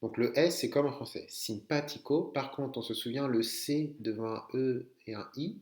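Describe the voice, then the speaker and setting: A French man teaching Spanish pronunciation letter by letter, slowly repeating words for his students to say back. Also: medium pitch, darkish tone, reverberant. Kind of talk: online language lesson.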